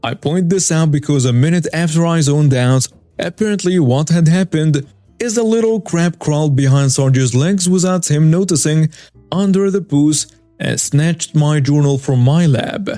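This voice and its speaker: A man narrating a reader-submitted story in a steady, matter-of-fact way. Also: a little high, moderate pace, dry recording, soft background music.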